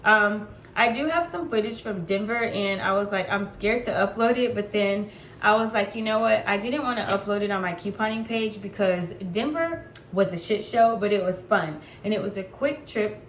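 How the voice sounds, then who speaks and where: A woman's voice: medium pitch, normal speed, fairly bright tone. A woman in her forties talking to camera in a casual vlog, chatty and unfiltered, with frequent ums. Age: 40s. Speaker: vlogger. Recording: echoey room with faint background noise.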